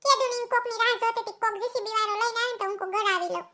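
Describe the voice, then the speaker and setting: Shrill, bossy village women with a Kathiawadi accent. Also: female voice, fairly even intonation. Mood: scolding. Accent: Kathiawadi Gujarati. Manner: shrill, quick, nagging and shouting. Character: loud bossy village women, middle-aged, scolding. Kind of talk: cartoon comedy voice acting.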